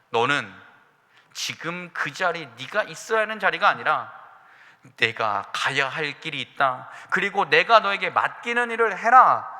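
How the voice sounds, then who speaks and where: A man preaching a Sunday sermon as pastor, earnest, sometimes speaking God's words to his listeners in a gentle, direct way. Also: fairly high pitch. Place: church sanctuary. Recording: reverberant church sanctuary.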